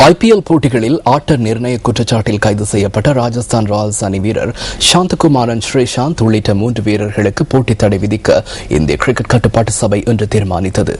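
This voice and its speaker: Low-voiced male news anchor. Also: fairly quick, slightly rough, soft background music. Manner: steady, formal newsreader delivery. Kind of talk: scripted news reading.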